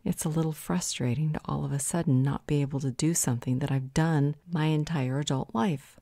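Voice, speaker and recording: In an audio drama roleplay, a woman voices a strong-willed female vampire, sounding apologetic and concerned. Her low, mellow, creaky voice is recorded close and dry with no echo, and she speaks in a steady, measured, thoughtful way with a dry edge of authority.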